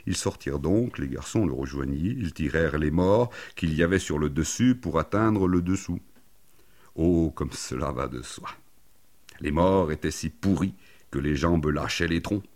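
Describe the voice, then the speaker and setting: A man narrating an absurd comic story in a deadpan, mock-learned way, full of wordplay. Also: extremely low pitch, moderate pace.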